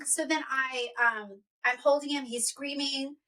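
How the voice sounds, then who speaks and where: A woman in her thirties, co-hosting a podcast, telling a story in an animated way. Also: high voice, measured pace. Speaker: podcast co-host. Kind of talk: casual chat.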